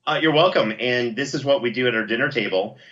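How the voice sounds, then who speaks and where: Talking fast in a mid-range voice with a fairly bright tone, a podcast producer guests on an interview and jokes playfully while reasoning things out in casual chat. The recording itself sounds dull.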